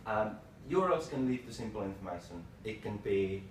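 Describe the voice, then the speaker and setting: Low-voiced man presenting, distant and echoey. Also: animated, a little fast. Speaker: tech presenter, developer. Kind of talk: informal slide presentation, lightning talk. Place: small meeting room, indoors. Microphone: far camera microphone. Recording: roomy, distant mic with clear background noise.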